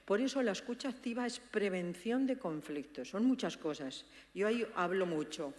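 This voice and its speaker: A woman gives a lively teaching talk to an audience, acting out sample dialogues and speaking to her listeners directly. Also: medium pitch, normal speed. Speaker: speaker presenting a book on active listening. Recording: long reverb of a hall.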